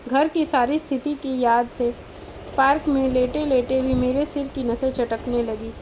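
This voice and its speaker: Woman audiobook narrator, high voice, steady and expressive. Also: unhurried, a little hiss or hum, rough recording. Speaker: audiobook reader.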